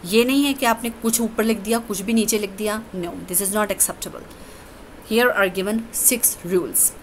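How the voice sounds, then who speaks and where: A woman teacher, giving a deliberate grammar lesson that moves between English and Urdu. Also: medium pitch, a little hiss or hum, poor audio.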